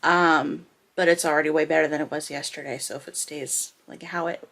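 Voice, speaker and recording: A woman's voice: low voice, steady tone, fairly quick, vocal fry, fairly bright tone. A woman chatting casually in a home vlog, rambling with many fillers, her throat a little dry and scratchy, recorded on a small camera's built-in mic. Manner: rambling, filler-heavy talk. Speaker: vlogger. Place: at home indoors. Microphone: compact vlogging camera's built-in mic.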